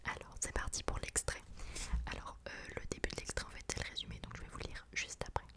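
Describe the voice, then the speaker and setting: A woman whispering softly as an ASMR host, presenting and reading from a book in an informal way. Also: quick pace.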